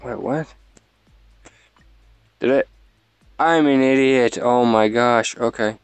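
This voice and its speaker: A man narrating his game session in loose, self-mocking chatter, his voice gravelly yet smooth. It is recorded dry and close, with faint game music underneath. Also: medium pitch, takes it slowly, no echo. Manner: rambling, self-mocking, laughs often. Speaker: let's play host. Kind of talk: casual gameplay commentary.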